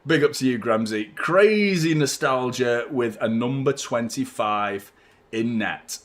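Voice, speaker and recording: A young man hosting a fan watchalong stream, rambling chattily and giving shout-outs to viewers. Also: mid-range voice, a little slow. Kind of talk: live stream chat with viewers.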